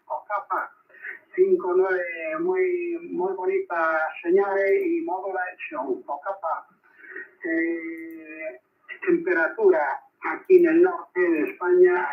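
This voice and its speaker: A man with a Spain Spanish accent speaks as an amateur radio operator over a radio, in a halting, repetitive way with frequent check-ins. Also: high voice. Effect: radio transmission. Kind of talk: ham radio contact, spelling out call signs. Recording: thin narrowband shortwave radio signal.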